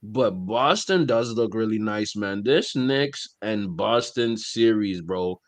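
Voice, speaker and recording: A man's voice: fairly low pitch, takes it slowly, dry recording. A man co-hosting a casual sports talk stream, laughing often and asking "you know what I mean". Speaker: podcast co-host.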